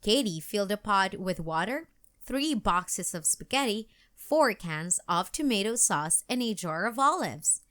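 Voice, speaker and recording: A woman reads a children's book aloud in a slow, unhurried way. Her voice swings widely in a sing-song lilt and sounds bright. She finishes with questions and prompts for young readers. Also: medium pitch, lively intonation. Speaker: storybook reader. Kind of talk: children's read-aloud narration.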